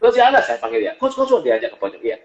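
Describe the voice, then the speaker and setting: Animated male business coach telling stories. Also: extremely high pitch, rapid-fire, vocal fry. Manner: animated storyteller, acts out quoted voices. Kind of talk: storytelling interview talk. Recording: echoey, dull-sounding room.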